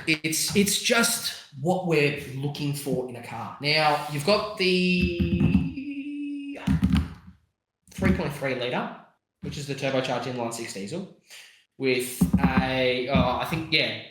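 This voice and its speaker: A man's voice: medium pitch, a little slow, a bit bright, echoey room, slight background noise. A young Australian man co-hosting a podcast, chatting casually with sweary, laughing, rambling banter. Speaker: podcast co-host. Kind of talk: casual chat.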